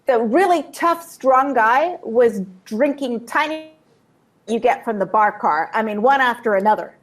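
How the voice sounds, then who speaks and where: A woman with a fairly high voice recounts a personal story in short, vivid bursts. She stops after each phrase so an interpreter can follow. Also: animated. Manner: vivid storytelling, pausing for translation. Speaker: guest speaker. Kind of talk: personal testimony with live interpreter.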